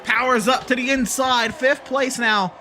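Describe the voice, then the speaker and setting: A man calling a sim race in an excitable motorsport commentator style. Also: very high-pitched, unhurried, a little hiss or hum. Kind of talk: motorsport commentary of a sim racing game with casual chat.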